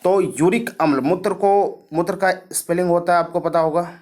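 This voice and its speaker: A man's voice: sits high, moderate pace, a little mellow. A man teaching a lesson, explaining memory tricks and asking and answering his own questions.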